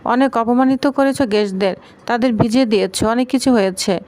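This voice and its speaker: A woman's voice: a little high, quick pace, darkish tone, natural voice. A woman voicing a young husband who is curt and hurt, delivering his lines in a clipped, brusque way within a narrated recap.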